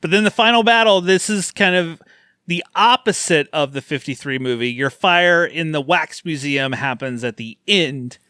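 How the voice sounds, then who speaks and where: A man hosting a podcast in casual chat, animated and laughing often as he acts out movie moments. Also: on the high side, normal speed, smooth, dry recording, studio quality. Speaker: podcast host. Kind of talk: casual chat reviewing horror films.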